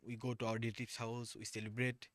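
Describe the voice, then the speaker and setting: A young man from Bangladesh, a university student, giving earnest, halting answers as a talk show guest. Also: medium pitch, little pitch movement, a bit bright, no room sound, studio quality. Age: young adult. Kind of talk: casual interview answers.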